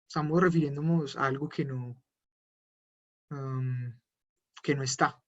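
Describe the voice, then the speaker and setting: A man's voice: medium pitch, fairly even intonation, a little slow, fairly bright tone, lo-fi sound. A man teaching German in a live online class, explaining patiently and answering viewers' questions. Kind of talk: live online language lesson.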